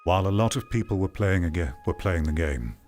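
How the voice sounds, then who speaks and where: Animated and brisk, a man with a low, darkish voice delivers opinionated, improvised critical commentary as host of a VR gaming stream. He leans on repeated phrases to stress points, over soft background music.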